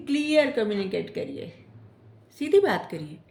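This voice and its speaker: Woman tarot reader, casual coaching delivery, slightly high voice, echoey room. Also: very animated, a little slow, vocal fry. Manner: gentle coaching tone, ends phrases with "theek hai?". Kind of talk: casual spiritual advice talk.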